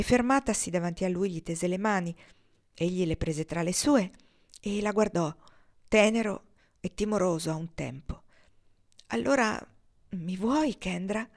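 A woman narrating a novel as an audiobook reader, in a measured, expressive way. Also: on the low side.

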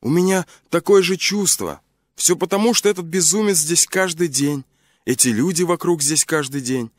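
A man voicing a gentle young woman who soothes and then anxiously pleads, in an audiobook story. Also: on the high side, normal speed, pitched above the performer's own voice, close to an everyday voice. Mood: soothing. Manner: soft, pleading, rising to frightened cries.

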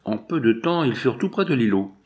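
Male narrator, audiobook, expressive, lively intonation, mid pitch. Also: a little fast. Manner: expressive, dramatic reading. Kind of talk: scripted narration.

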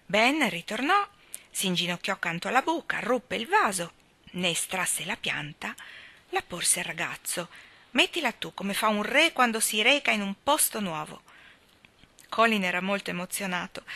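A woman narrating a children's novel aloud with a gentle, expressive storytelling manner. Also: mid-range voice. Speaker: reader.

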